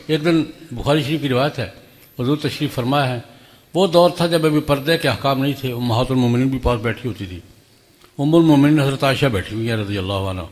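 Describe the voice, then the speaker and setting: A man's voice: medium pitch, darkish tone. An older man from Pakistan, preaching at a graduation ceremony in a folksy way, with stories and rhetorical questions. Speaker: religious scholar. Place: large hall. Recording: long hall reverb.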